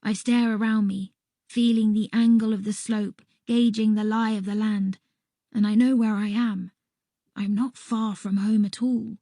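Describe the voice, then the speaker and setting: A woman reading a first-person children's story aloud in a soft, unhurried voice that sometimes drops to a whisper. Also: mid-range voice, flat delivery, no room sound, studio quality. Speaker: audiobook reader.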